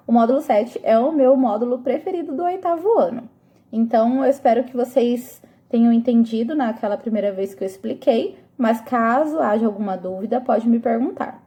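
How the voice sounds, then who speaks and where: A woman teacher with a high-pitched but mellow voice gives a recorded review lesson. She explains step by step and often pauses to check that her students are keeping up. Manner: explains slowly and patiently, checking in with frequent "tá?".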